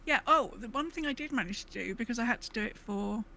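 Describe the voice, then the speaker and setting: On a rough recording with slight background noise, a woman with a fairly high, creaky voice talks fast as a gaming podcast co-host. Her casual chat rambles and interrupts itself, full of lively retellings and quoted asides.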